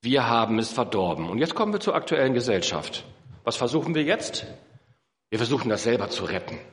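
A man delivers a sermon with a very lively, swinging pitch, climbing to emphatic high points and sinking to slow, low, earnest stretches. He is recorded in a hall with a long, lingering reverb. His pitch sits in a middle range for a man. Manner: animated preaching, rising to emphatic peaks then dropping low and slow. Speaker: preacher. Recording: echoey hall.

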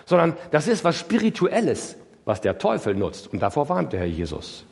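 Emphatic preacher in a reverberant hall. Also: male voice, huge pitch swings, moderate pace, vocal fry. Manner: emphatic, swings from loud high outbursts to low quiet asides; addresses listeners directly with rhetorical questions. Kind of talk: sermon.

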